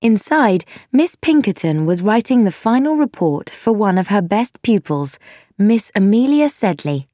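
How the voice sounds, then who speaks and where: A woman reading a simplified classic novel aloud, in clear, expressive storytelling narration. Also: mid-range voice, a little slow, dry recording, clean studio sound. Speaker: audiobook narrator.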